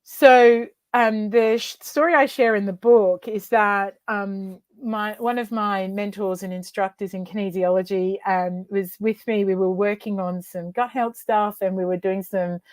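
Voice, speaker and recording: Animated woman storyteller, dry close sound. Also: unhurried, hardly any pauses, no echo. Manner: animated, acts out dialogue with big pitch leaps. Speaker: author and coach, interview guest. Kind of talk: conversational storytelling interview.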